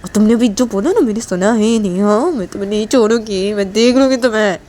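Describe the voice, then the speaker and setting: A woman voicing a jealous young woman who scolds and threatens her girlfriend loudly, in a storybook telling. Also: mid-range voice, fairly quick, voice pushed up, close to an everyday voice. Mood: angry.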